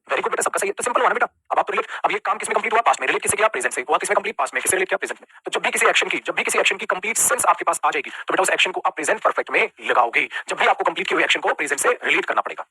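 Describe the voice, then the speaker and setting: Indian guy teaching english grammar super fast, high husky voice, keeps calling kids beta. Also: expressive, pushed and bright, no room sound. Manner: calls students "beta" and asks them questions he answers himself; mixes Hindi with English terms. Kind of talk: classroom grammar lesson.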